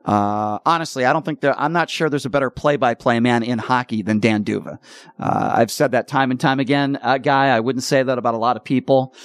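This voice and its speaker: A man hosting a sports talk radio show, talking in an earnest, halting way with repeated words, choked up with emotion. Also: medium pitch, no room sound.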